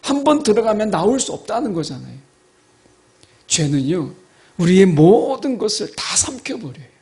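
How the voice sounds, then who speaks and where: A man's voice: high voice, sing-song, normal speed, darkish tone. A male pastor preaching a sermon, asking the congregation rhetorical questions and reading scripture aloud with dramatic emphasis.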